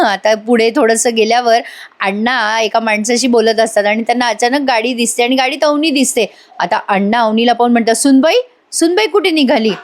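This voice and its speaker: Woman, voice-over recap, chatty storyteller, fairly high voice. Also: fairly even intonation, fairly quick. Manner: chatty storytelling, addresses viewers. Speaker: serial review narrator.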